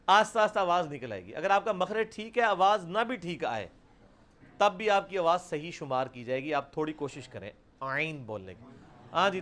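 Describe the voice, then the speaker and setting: Middle-aged male teacher, high voice, Punjabi-accented Urdu, drills sounds loudly and calls on students by name. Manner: demonstrates sounds by repeating them loudly and slowly, then calls on students by name. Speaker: Quran recitation teacher. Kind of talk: live class teaching Arabic pronunciation.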